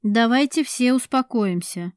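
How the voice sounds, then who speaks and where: A woman voicing a calm grown man who asks questions in a slow, measured, soft way. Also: on the high side, clean tone, no echo, studio quality, lightly acted.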